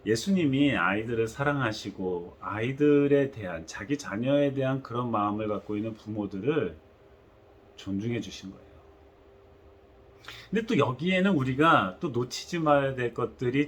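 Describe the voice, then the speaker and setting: A male pastor preaching a sermon, telling the story in an animated way with acted-out quotes. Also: medium pitch, normal speed, husky.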